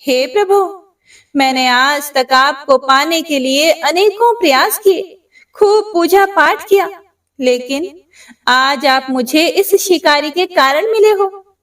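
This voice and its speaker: A woman voicing a gentle, devout holy man who speaks with pleading devotion in a told story. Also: sits high, slow, distant mic.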